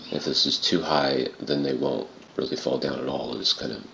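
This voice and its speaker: Very deep, gravelly man in casual tutorial. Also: flat delivery, normal speed, a bit bright. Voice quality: gravelly, throaty. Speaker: tutorial presenter. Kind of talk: casual software tutorial narration. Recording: muffled, roomy home recording with clear noise.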